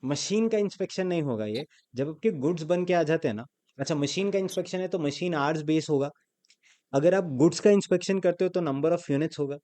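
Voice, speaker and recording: Here a man with a slightly high, mellow voice talks fairly quickly while teaching accounting. Mixing English vocabulary into Hindi, he questions students and pushes them to respond aloud, lecture-style with call-and-response.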